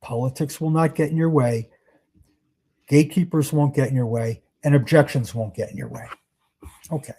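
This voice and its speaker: A man's voice: medium pitch, moderate pace, pauses often, warm tone, husky. A man leading a sales workshop in a conversational, emphatic way, asking his listeners rhetorical questions. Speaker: sales trainer. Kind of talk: workshop presentation.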